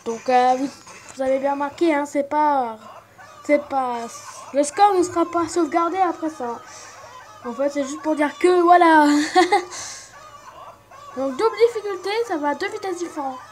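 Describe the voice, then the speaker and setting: A woman's voice: high-pitched, measured pace, pauses often, a little hiss or hum, rough recording. A young woman casually commenting on a rhythm game, giggling and poking fun at herself. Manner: giggly, self-mocking, chatty. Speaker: gaming channel host. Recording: game music playing softly behind. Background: faint game music.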